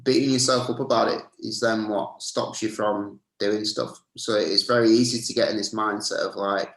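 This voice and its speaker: A man with a low, gravelly voice talks as a health trainer in a relaxed, casual way, leaning on "um" as he goes. His tone stays flat and even. The call sounds roomy and echoey. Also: moderate pace. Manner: easygoing, lots of "um" fillers. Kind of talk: casual advice chat. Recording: roomy echo.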